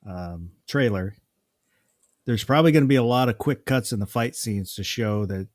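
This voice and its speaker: A man's voice: lowish voice, normal speed, no room sound, studio quality. A man co-hosting a show, giving casual film commentary. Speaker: co-host.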